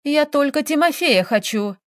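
A headstrong young village girl in love, her voice pitched up and pushed louder as she insists on getting her way, as a woman reads her in a storybook. The sound is dry and close. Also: lively intonation, normal speed, dry recording. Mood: stubborn. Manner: insistent, pleading.

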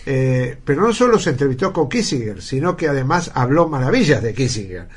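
A man delivers indignant political commentary on a radio panel. His voice is husky and his pitch sits in a middle range. He often stops on fillers before he goes on. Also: very animated. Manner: indignant, halting with frequent fillers.

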